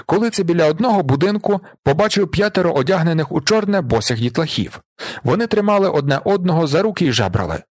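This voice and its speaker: A man reading an audiobook, voicing a gruff aging male wanderer who tells his past with vivid emotion. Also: fairly high pitch, animated, fast, a little mellow, no room sound, clean studio sound. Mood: grim confession.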